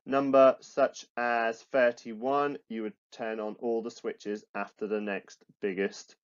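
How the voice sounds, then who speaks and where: A British man talks through a recorded lesson, patiently explaining each step and often restarting his phrases. His voice sits at an everyday middle pitch. The recording sounds a little dull and lo-fi. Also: flat delivery, slow, clear, resonant tone. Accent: British English. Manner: explanatory, repeats phrases, frequent restarts and fillers. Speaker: computer science teacher. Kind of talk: recorded classroom lesson with slides.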